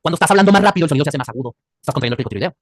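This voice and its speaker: A man's voice: a little high, lively intonation, very fast, dry recording. A man with a Mexican accent teaching an anatomy class, quizzing his students and joking in crude slang. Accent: Mexican Spanish. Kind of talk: classroom lecture.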